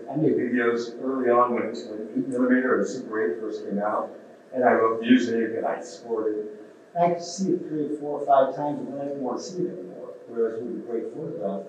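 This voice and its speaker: A man's voice: medium pitch, darkish tone, slight background noise. A man in the audience of a museum talk, earnestly asking a long question. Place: museum auditorium. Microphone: far from the mic. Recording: distant, echoey hall audio.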